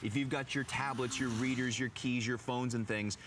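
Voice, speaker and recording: A man's voice: medium pitch, fairly even intonation, moderate pace. A man demonstrating a product live outdoors like a home shopping host, folksy and emphatic, often repeating himself for effect. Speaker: product pitchman and guest. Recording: faint ambient noise behind the voice.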